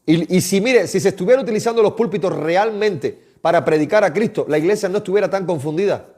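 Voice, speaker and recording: A man delivers a live-streamed sermon in a noticeably high voice. He exhorts with passion, pleading with his beloved listeners as he drives each point home. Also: fast talker, darkish tone. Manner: impassioned, exhorting, addresses listeners as "mis amados". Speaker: preacher.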